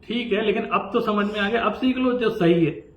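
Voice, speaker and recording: A man giving a lecture on scripture, slowly chanting verses and then explaining them in a lively, conversational way. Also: sits high. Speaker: professor teaching scripture. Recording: echoey, dull-sounding room recording.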